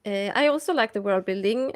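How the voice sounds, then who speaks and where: A woman's voice: mid-range voice, fairly quick. A woman in a casual book club chat, hesitant and laughing, often trailing off.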